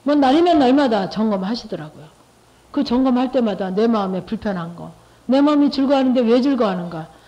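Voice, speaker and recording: A woman's voice: a little high, animated, a little fast, warm tone. A middle-aged woman giving a church testimony in a conversational, repetitive way, often asking her listeners rhetorical questions. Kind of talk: testimony talk to a church group. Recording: dull lo-fi recording.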